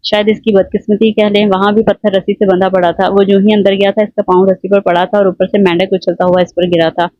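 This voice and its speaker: A woman narrating a romance novel in a steady storytelling voice, in a dull lo-fi recording. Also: medium pitch, fast talker, hardly any pauses, no echo. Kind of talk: audiobook narration.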